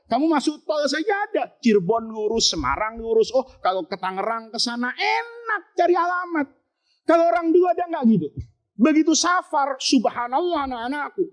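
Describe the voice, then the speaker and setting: A man preaches to his students in a high, lively voice. He tells stories with jokes and rhetorical questions. Every so often he bursts into a shout. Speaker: Islamic preacher teaching boarding-school students. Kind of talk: lively sermon with storytelling.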